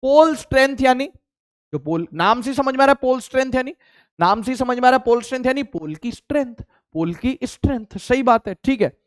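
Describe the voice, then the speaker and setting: A man's voice: extremely high pitch, expressive, fairly quick, no echo. Man teaching physics in a dry, close recording. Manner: explains by asking questions and answering them himself, mixing English terms; voices a student's replies to himself. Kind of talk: casual Hindi-English classroom lecture.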